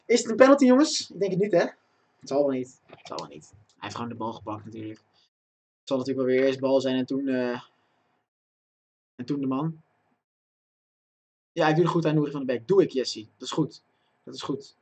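A young man giving live commentary on his own football game, chatting to viewers and breaking into loud excited yells at big chances. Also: medium pitch, moderate pace, pauses often, husky. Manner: talks to himself and chat, bursts into loud excited shouting at chances. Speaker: gaming streamer. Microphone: desk microphone.

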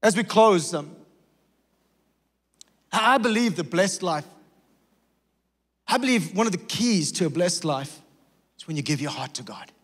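A male pastor preaching a sermon in a church, telling stories and acting out voices with lively energy. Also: high voice, measured pace, long pauses, in a large hall. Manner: animated storytelling with acted-out voices. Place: church sanctuary.

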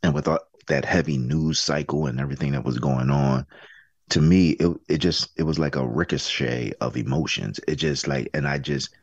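A man's voice: rumbling low, steady tone, normal speed, husky, no echo, lo-fi sound. A man co-hosting a podcast, chatting casually and teasing with frequent laughs. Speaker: podcast co-host. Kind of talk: casual chat.

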